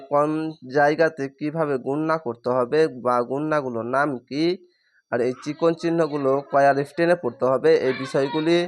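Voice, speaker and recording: A man teaching Quran reading, spelling each word letter by letter and then stretching out the whole word slowly. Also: on the high side, a little hiss or hum. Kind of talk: spelling-out recitation lesson.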